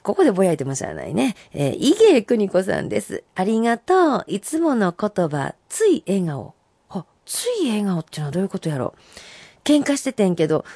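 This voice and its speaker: Lively Kansai woman radio host. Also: mid-range voice, no room sound. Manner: lively, chatty, reads poems slowly and warmly reacts with laughs. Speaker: radio host reading listener haiku. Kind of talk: radio talk show.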